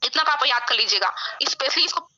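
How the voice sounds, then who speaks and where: A young woman English teacher giving a classroom grammar lesson, explaining slowly and often checking with "है ना?". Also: high-pitched, lively intonation, bright, forceful tone. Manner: explains slowly, keeps asking "है ना?". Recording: dull lo-fi sound.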